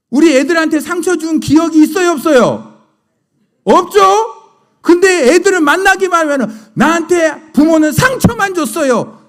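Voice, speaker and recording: Middle-aged male pastor, sermon storyteller, high and very animated delivery. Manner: animated storytelling, rhetorical questions to the congregation.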